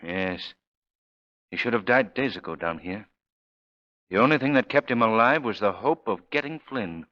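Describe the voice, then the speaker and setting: A man playing a commanding, urbane unseen crime-fighter in 1930s radio drama, with crisp, assured theatrical delivery. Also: on the low side, expressive, normal speed, sharp tone, dry recording, lo-fi sound. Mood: grave.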